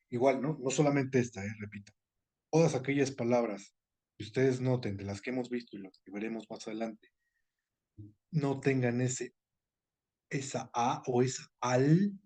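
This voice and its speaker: Man, seminar lecturer, patient explanatory tone, repeats and corrects himself, middle pitch. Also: darkish tone. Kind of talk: explanatory online class.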